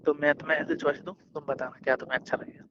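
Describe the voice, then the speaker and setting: A man's voice: fairly high pitch, level tone, very fast, noisy background. Coaxing young man on a muffled call. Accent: Hindustani. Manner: coaxing, playful, insistent. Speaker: boyfriend on a call. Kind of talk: casual romantic phone chat. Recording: muffled phone call recording.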